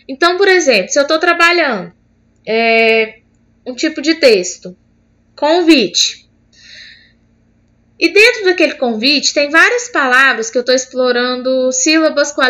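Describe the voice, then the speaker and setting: Woman, teacher-trainer type, high clear voice, patient and instructive. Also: bright, forceful tone. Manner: didactic, addresses teachers directly, acts out classroom examples. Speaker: teacher explaining reading methods. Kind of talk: educational explainer video.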